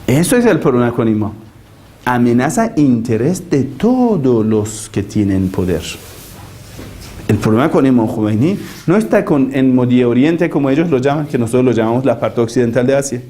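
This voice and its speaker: A man's voice: medium pitch, expressive, normal speed, dark tone. A man teaching a religion class, arguing animatedly and asking rhetorical questions. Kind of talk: lecture.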